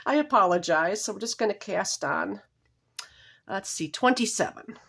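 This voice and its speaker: A woman with a mid-range, somewhat bright voice and lively intonation teaches knitting step by step from home, a cold leaving her slightly hoarse. Her manner is casual, cozy and apologetic, with frequent pauses to correct herself.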